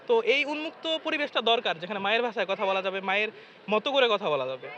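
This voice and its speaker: A man's voice: very high-pitched, a bit bright. A young man from Rangpur answering a street interviewer at a fair, speaking in an earnest, wistful way. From Rangpur, Bangladesh. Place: outdoors at a busy fair. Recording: muffled outdoor street recording.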